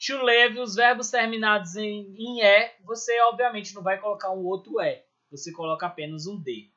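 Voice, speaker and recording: A man's voice: high-pitched, normal speed, pushed and bright, highs cut off. A man with a Brazilian Portuguese accent teaching an English grammar lesson step by step, often checking in with his students. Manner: explains step by step, checking in with "certo?" and "beleza?". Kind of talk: recorded school lesson.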